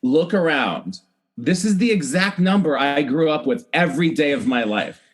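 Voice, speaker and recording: A middle-aged American man from Iowa, a celebrity hair stylist, is a guest on a podcast, telling animated personal stories. He is chatty and emphatic, repeating himself for emphasis and often acting out what people said. His voice is on the high side with lively intonation, at normal speed.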